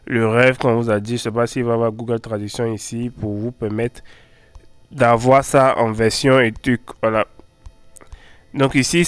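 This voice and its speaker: A man's voice: mid-range voice, clean tone, dry recording. A man hosting a tech channel, walking through phone apps on screen in a chatty way, full of fillers and repeated words. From Ivory Coast. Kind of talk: screen-recorded app walkthrough.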